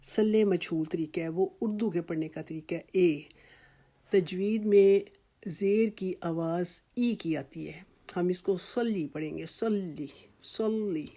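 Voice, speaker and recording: Patient woman teaching recitation, mellow tone. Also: fairly low pitch. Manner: patient, reassuring, drawn-out model recitations between explanations. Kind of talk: slow instructional tajweed lesson.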